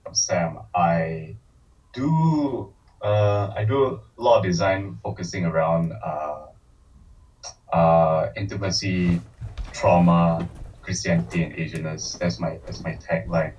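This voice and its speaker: A man from Malaysia, a game designer, introducing himself with halting restarts. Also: low voice, darkish tone. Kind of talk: casual panel self-introduction. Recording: distant, dull lo-fi call audio.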